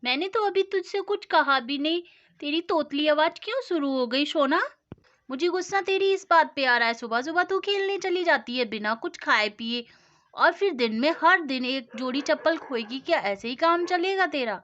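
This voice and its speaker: A woman voicing a strict but loving mother who scolds loudly, in a storybook doll-play story. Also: high-pitched, a little slow. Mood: angry. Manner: loud, scolding. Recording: dull lo-fi sound.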